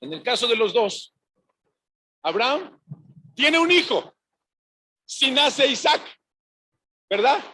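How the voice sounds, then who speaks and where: A man's voice: extremely high pitch, very animated, takes it slowly, pauses often, bright, forceful tone, breathy edge, rough recording. A male pastor from Mexico preaching a sermon, often asking the congregation "yes or no?" and retelling scenes in quoted voices. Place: church sanctuary.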